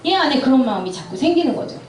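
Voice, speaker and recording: A woman's voice: sits high, big pitch swings, racing, slight background noise. A middle-aged woman giving a church seminar for parents, telling stories and acting out quoted dialogue. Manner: warm storytelling, acts out quoted dialogue. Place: church hall. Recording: echoey hall from far off.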